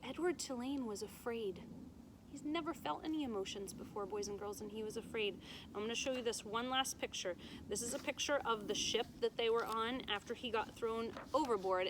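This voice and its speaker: Over background noise, a woman teacher with a somewhat high voice reads a children's story aloud in a deliberate, expressive way and explains things to her class.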